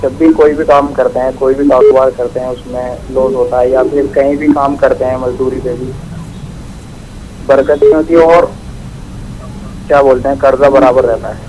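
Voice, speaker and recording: A man of middle pitch calls in over a phone line with a faint hiss. He speaks formally, calls the host janab and describes his trouble in plain terms. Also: level tone, normal speed, dark tone. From India. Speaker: caller. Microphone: phone call.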